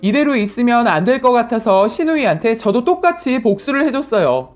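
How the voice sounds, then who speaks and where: Calm woman reading a first-person story. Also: on the high side, brisk. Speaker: story narrator. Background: faint music.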